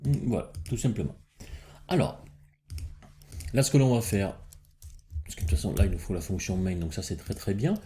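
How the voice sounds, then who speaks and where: A man's voice: on the low side, expressive, moderate pace, pauses often, warm tone, a little hiss or hum. A man hosting a casual coding lesson, thinking aloud as he works, with frequent fillers and restarts. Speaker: programming tutorial host.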